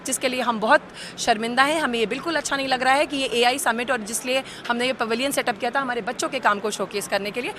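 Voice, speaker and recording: A woman representing a university, explaining herself to reporters in a measured way, mixing in English terms. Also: fairly high pitch, fairly bright tone, a little hiss or hum. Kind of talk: press statement to reporters.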